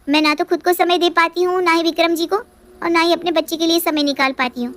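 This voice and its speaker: A woman's voice: very high-pitched, fairly even intonation, fairly quick, a bit bright, pitched above the performer's own voice. A woman voicing a tired, upset young wife who pleads and complains in a storybook reading. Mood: pleading.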